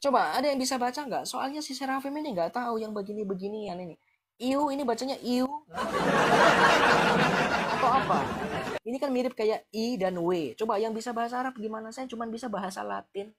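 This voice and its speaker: A man's voice: sits high, fast talker, heavy background noise. Man taunting viewers on a live stream. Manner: taunting, challenging with rhetorical questions; chuckles mockingly between points.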